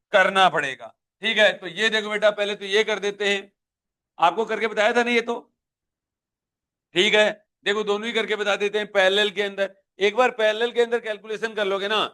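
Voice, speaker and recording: A man's voice: high voice, bright, forceful tone, clean tone. A male physics teacher with a Hindi accent giving a live classroom lecture, questioning students and pushing them to answer aloud.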